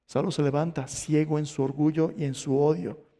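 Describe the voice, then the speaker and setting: A man's voice: a little high, fairly even intonation, normal speed, dark tone, big-room sound. A male pastor preaching a sermon, telling the story dramatically and asking the congregation questions. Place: church sanctuary.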